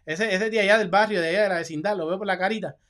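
A man's voice: sits high, very fast, a bit bright. A man with a Cuban accent co-hosting a boxing show, teasing his partner and holding firm in a heated casual debate. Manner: contrarian, teasing, talks over his partner.

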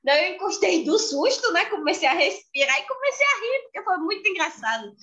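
A woman hosting a casual chat, telling an animated, expressive story with frequent laughter. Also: very high voice, brisk, highs cut off. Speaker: podcast host.

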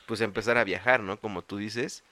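A man hosts a relaxed interview, chatty and full of slang. His voice is fairly low but bright and forceful. The sound is dry and close. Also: moderate pace, no room sound. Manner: chatty, slangy, asks follow-up questions. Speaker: host. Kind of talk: casual interview conversation.

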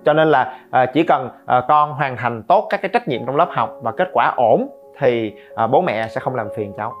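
A middle-aged man hosts a parenting podcast at a mid-range pitch. He talks in a lively way and addresses listeners with joking asides. The recording sounds slightly dull, with faint guitar music behind him. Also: normal speed. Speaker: podcast host.

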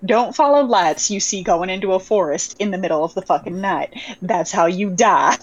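A woman's voice: medium pitch, normal speed. A woman with a Southern US accent co-hosts a casual podcast chat. She speaks bluntly and emphatically and swears freely. The audio is dull and lo-fi. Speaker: podcast co-host.

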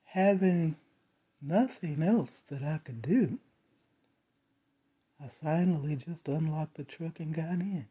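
Slow dark husky storyteller, spooky first-person tale, takes their time. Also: medium pitch. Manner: slow, measured retelling with dramatic pauses.

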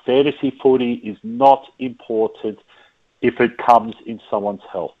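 A man's voice: mid-range voice, fairly even intonation, measured pace. An Australian man in casual ranting chat as a podcast panellist, with a blunt, exasperated, blokey way of talking. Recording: tinny phone-like line.

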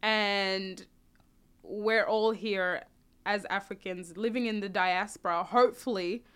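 A young woman from South Sudan, answering interview questions in a relaxed, reflective way, often restarting and adding "you know". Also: medium pitch, takes it slowly, smooth. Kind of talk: casual conversational interview.

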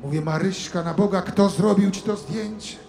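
A man delivering a satirical sermon monologue as a comic preacher, theatrical, moving from hushed asides to shouted preaching. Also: high-pitched, normal speed, creaky, reverberant, long reverb tail, soft background music.

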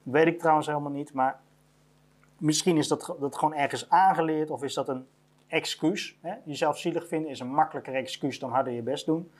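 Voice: medium pitch, steady tone, fairly quick. A business owner giving a blunt motivational monologue about career advice, repeating each point to hammer it home.

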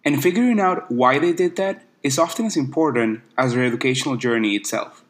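A young man hosting a podcast narrates scripted segments clearly and chats casually with his guests, offering friendly agreement as they talk. His voice is mid-range and fairly quick.

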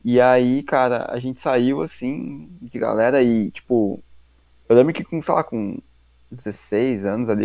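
A man's voice: medium pitch, creaky, a little mellow, no room sound. A young man telling a story in a slangy, rambling way full of fillers on a casual podcast.

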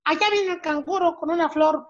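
A man voicing a cheeky schoolboy in a joke, with a high sing-song falsetto. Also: fairly even intonation, brisk, highs cut off.

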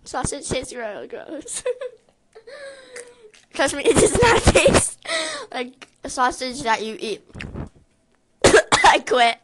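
A woman's voice: high-pitched, big pitch swings, drawn-out words, pauses often, a bit bright, slight background noise, poor audio. A woman chatting casually through a gross jelly bean taste challenge, giggly and squeamish. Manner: giggly, squeamish, lots of laughing. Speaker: co-host.

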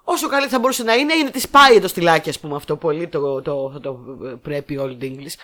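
A woman's voice: low-pitched, fairly bright tone. A woman co-host talking films in an easygoing chat. She has a cough and a stuffy nose today. She thinks aloud and often repeats small words while finding her point. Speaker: podcast co-host. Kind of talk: casual chat reviewing films.

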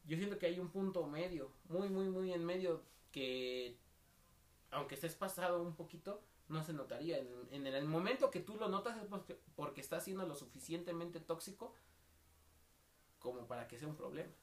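A young man from the State of Mexico, with a Mexican Spanish accent, co-hosts a casual podcast, telling anecdotes full of slang and acting out the voices of people he quotes. His voice is fairly high, animated, and moderately paced.

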